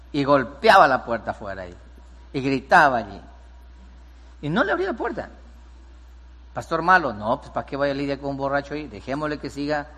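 Preaching pastor in a reverberant hall. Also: male voice, medium pitch, breathy edge. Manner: preaching, swings from hushed storytelling to loud emphatic peaks. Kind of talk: sermon with storytelling.

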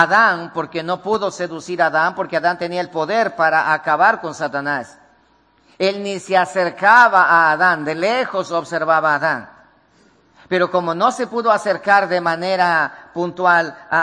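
A man's voice: high-pitched, pushed and bright, long reverb tail. A man preaching a sermon with emphatic delivery and repeated rhetorical questions to the congregation.

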